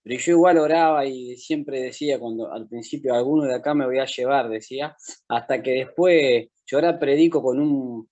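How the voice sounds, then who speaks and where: A man's voice: mid-range voice, moderate pace, dark tone, highs cut off. A man, a street evangelist, asking his pastor a question in a conversational way and often tagging phrases with a question. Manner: conversational, tags phrases with "verdad".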